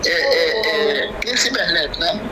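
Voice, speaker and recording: A man's voice comes through a phone on speakerphone, pitched high for a man. He is a lawyer who talks haltingly, repeating fillers and tag questions. Loud background noise surrounds the call. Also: lively intonation. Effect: heard over a phone on speakerphone. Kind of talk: phone conversation with a reporter.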